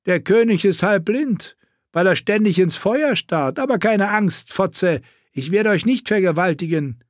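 A man's voice: high-pitched, expressive, a little slow, no room sound, studio quality, voice pushed up. A man voicing a sneering, crude and arrogant male knight in an audiobook, taunting and contemptuous.

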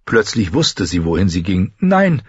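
Husky low-voiced man narrating an audiobook. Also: a little slow, no echo. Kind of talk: scripted narration. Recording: dull, dry lo-fi recording.

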